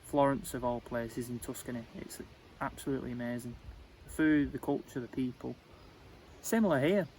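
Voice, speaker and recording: A man vlogging casually about his cottage renovation, rambling and halting with lots of fillers, outdoors at his building site. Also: mid-range voice, darkish tone, a little hiss or hum, rough recording. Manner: rambling and halting, with many fillers, self-described as muddling his words. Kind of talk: casual chat to camera.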